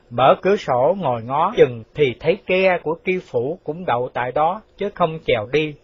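A man reading a novel aloud in a steady, even storytelling manner. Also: fairly high pitch, breathy edge, dry recording. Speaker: narrator. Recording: dull lo-fi dry recording.

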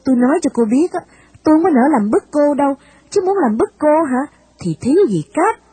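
A woman's voice: high-pitched, big pitch swings, fairly quick, mellow, no echo, pitched above the performer's own voice. A woman voicing a rich young male scholar who pleads and boasts in a wheedling, pushy way. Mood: boastful pleading.

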